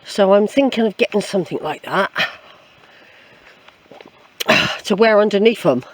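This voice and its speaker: A woman's voice: mid-range voice, expressive, unhurried. An older woman with an English accent, chatting reflectively and repeating phrases as she vlogs outdoors on a woodland walk. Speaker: hiking vlogger. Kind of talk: casual rambling walk commentary.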